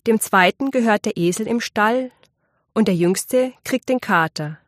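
A woman's voice: medium pitch, unhurried, dry recording, studio quality, natural voice. A woman reading aloud and voicing the eldest son of a miller, a self-assured young man who speaks firmly and matter-of-factly. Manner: firm and matter-of-fact.

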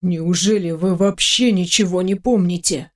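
A woman reading an audiobook voices a wounded young male swordsman who speaks formally and politely, in a slightly lowered voice. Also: a little slow, a little mellow, lightly acted. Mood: weak, pleading. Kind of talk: audiobook character voice.

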